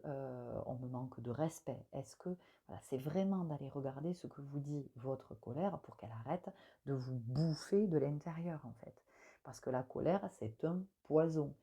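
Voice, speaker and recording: Low, dark-voiced woman giving spiritual guidance. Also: moderate pace, slightly rough. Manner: hesitant, many fillers, gently explaining. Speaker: spiritual channel guide. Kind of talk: spiritual monthly guidance talk.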